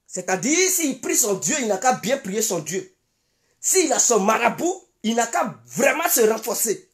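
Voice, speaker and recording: A woman's voice: fairly high pitch, sing-song, unhurried. A woman with an Ivorian French accent giving an impassioned political commentary monologue, emphatic and given to repeating insistent declarations.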